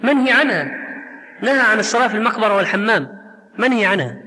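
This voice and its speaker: A man's voice: sits high, expressive, rapid-fire, bright, forceful tone. A man giving a religious lecture as a preacher answering listeners' questions, speaking earnestly and emphatically with rhetorical questions. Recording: long hall reverb.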